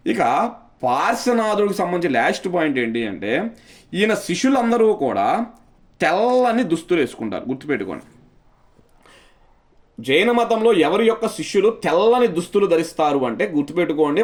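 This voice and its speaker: Lively-pitched man teaching. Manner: repeats key terms and quizzes students with questions; mixes English words into speech. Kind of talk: exam-prep lecture.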